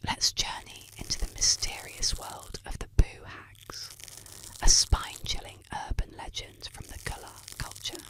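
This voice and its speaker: A woman narrating a scripted bedtime tale in a hushed, soothing ASMR whisper meant to lull listeners to sleep. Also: measured pace, poor audio.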